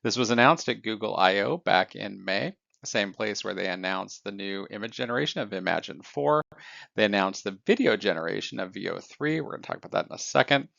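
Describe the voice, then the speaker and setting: A man's voice: lowish voice, lively intonation, fairly quick, gravelly, fairly bright tone, no room sound, dull audio. A man presenting technology news in an explanatory narrating style.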